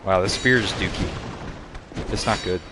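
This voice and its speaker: A deep-voiced man in his thirties streams his gameplay, commentating at normal speed in an easygoing way. Frequent laughter and chatter with viewers fill the clip, and steady background noise runs underneath.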